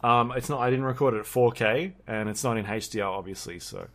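A man's voice: mid-range voice, fast. A man co-hosting a podcast in casual chat, rambling along with many ums and restarts. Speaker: podcast co-host.

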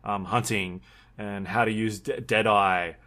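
A man's voice: fairly low pitch, steady tone, measured pace, bright, forceful tone. A man co-hosting a podcast in casual chat, rambling along with many ums and restarts. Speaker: podcast co-host.

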